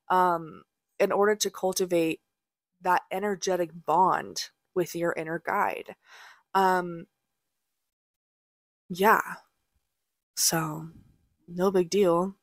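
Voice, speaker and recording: A woman's voice: lowish voice, no room sound, studio quality. Blunt, casual young woman podcaster. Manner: candid and blunt, swears freely, many fillers. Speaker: podcast host. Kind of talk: casual spiritual advice talk.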